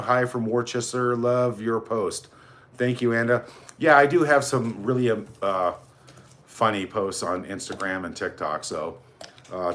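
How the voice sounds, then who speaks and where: A man hosting a casual livestream, reading out viewer greetings and making sarcastic, mocking remarks, jumping from loud outbursts to low mutters. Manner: reads viewer names and greetings aloud. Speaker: livestream host.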